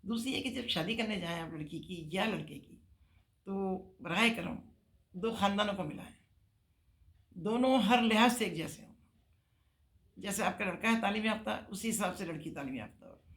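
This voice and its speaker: A woman's voice: mid-range voice, normal speed, long pauses, a bit bright. An older woman giving earnest, emphatic marriage advice on a talk show.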